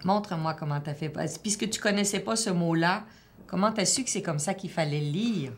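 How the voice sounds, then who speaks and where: A woman's voice: lowish voice, fairly quick, slight background noise. A woman teacher, patiently questioning and encouraging a child during a one-on-one reading assessment.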